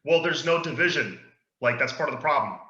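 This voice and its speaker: Male co-host, casual chat, leads the talk; sharp, bright tone, roomy echo. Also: mid-range voice, a little fast. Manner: easygoing, opinionated, leads the discussion. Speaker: podcast co-host. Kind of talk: casual chat about wrestling. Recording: echoey room, dull lo-fi sound.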